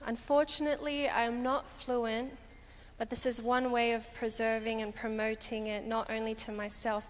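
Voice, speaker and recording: Slow-speaking young woman, echoing hall. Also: on the high side. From Australia. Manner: deliberate, emphatic phrasing. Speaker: pageant contestant. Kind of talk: prepared public answer on stage. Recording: long hall reverb, background noise.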